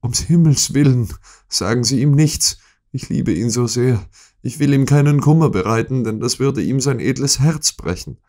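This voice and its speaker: A man's voice: deep voice, expressive, a little slow, voice pushed up, exaggerated voice. A man voicing a distraught young noblewoman who pleads for help, in an audiobook reading. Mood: pleading. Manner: pleading, breathless, emotional.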